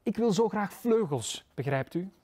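A man's voice: high voice, expressive, warm tone. A man with a Flemish accent voicing a nervous little male pig who rambles and pleads in a storybook reading. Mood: rambling. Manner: breathless rambling, pleading, fast.

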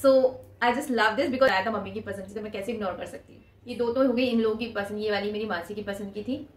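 A vlogger in her twenties casually shows off shopping finds on camera, lifting each item in her hands as she chats. Her medium-pitched voice moves a little fast, with reverb from the small indoor room.

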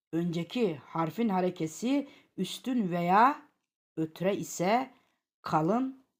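A woman with a Turkish accent teaching Quran reading. She repeats each example word slowly and loudly, then explains it more quietly. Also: fairly low pitch. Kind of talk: slow step-by-step recitation lesson.

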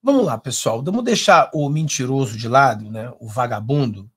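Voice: mid-range voice, animated, normal speed, husky. A host with a Brazilian Portuguese accent reacting to a clip, mocking and sarcastic, ranting with swearing. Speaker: political commentary host. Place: in the United States.

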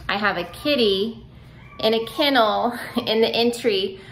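A woman's voice: on the high side, measured pace, fairly bright tone, a little hiss or hum, low-quality recording. A woman in her thirties chatting casually at home through a grocery haul vlog, rambling with small asides and a little out of breath. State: slightly out of breath. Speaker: vlogger.

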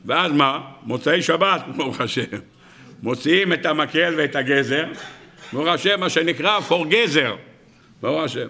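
Animated, bright-voiced rabbi telling a story. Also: male voice, on the high side. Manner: animated, dramatic, addresses the audience. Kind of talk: sermon storytelling.

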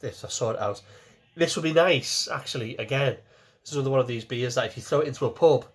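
A man's voice: mid-range voice, breathy edge. A man in his forties, talking casually to camera from a small home kitchen as he reviews a beer, chatty and repeating himself as he goes.

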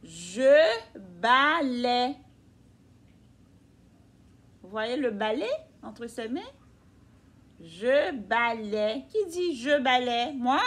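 Slow, patient woman reading to children. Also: a little high, a bit bright. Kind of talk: children's read-aloud lesson.

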